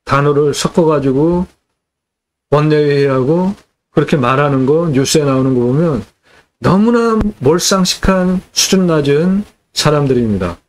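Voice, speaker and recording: A man's voice: on the high side, animated, moderate pace. A middle-aged man hosting a land sales channel, delivering an indignant, scolding political rant.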